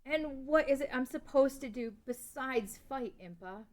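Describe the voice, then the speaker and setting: A woman acting a high-voiced, defiant young princess. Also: moderate pace, darkish tone, natural voice. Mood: determined. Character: grieving, defiant young princess of a fantasy kingdom. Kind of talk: table read of a fan-written audio drama.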